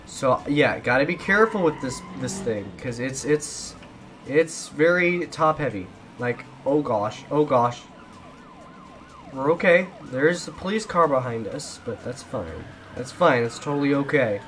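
A man's voice: medium pitch, animated, a little slow, a bit bright, slight background noise. A young man giving casual gameplay commentary while driving from police, often repeating himself when things go wrong. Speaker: gaming YouTuber.

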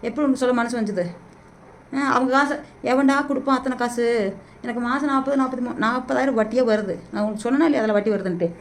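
A woman's voice: a little high, a little hiss or hum. A middle-aged woman vlogging into a hand-held phone, making an emotional, repetitive plea to be paid back. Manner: pleading, repetitive, rapid-fire and agitated. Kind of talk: emotional direct-to-camera plea.

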